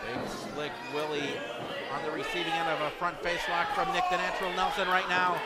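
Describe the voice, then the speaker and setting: A man's voice: on the high side, level tone, a little fast. A man doing dramatic, emphatic live play-by-play as a wrestling commentator, calling the moves. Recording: loud crowd and noise in hall. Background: loud live crowd.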